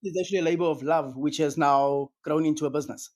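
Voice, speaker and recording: Over a call line, a South African business co-founder answers interview questions hesitantly, filling gaps with "um" and restarting often. His fairly high voice is a little mellow, quick-paced, and fairly even in intonation.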